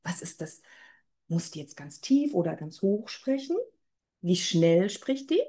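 A woman's voice: lowish voice, big pitch swings, measured pace, warm tone. A woman who edits audiobooks, explaining her craft thoughtfully in an interview. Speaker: audiobook editor.

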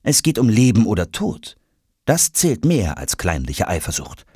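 Guy reading a kids storybook, really expressive, bit husky, dry close sound. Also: fairly low pitch, a little slow, no room sound. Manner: expressive, dramatic. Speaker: audiobook narrator. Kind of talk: scripted storybook narration.

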